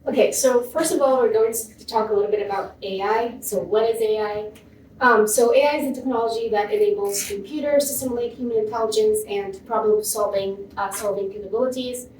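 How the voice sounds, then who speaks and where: A young woman from Tunisia explains a topic to a conference audience in a loose, casual way, leaning on fillers. Her voice is mid-pitched and sounds far from the mic in a reverberant room, over faint room noise. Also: steady tone, brisk, a little mellow. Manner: casual, many ums and likes. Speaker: MA student and teaching assistant presenter. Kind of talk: conference presentation.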